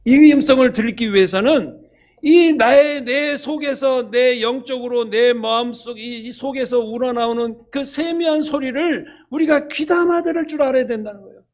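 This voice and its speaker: An older man, a church elder, preaching a sermon and acting out quoted dialogue in an animated way. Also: very high voice, normal speed.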